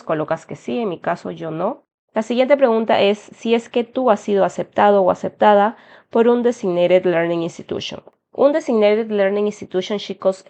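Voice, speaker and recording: A woman's voice: medium pitch, darkish tone. Peruvian woman explaining a form step by step. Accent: Peruvian Spanish. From Peru. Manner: explanatory, addresses viewers as "chicos". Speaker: immigration tutorial host. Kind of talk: step-by-step tutorial narration. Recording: slightly dull lo-fi sound.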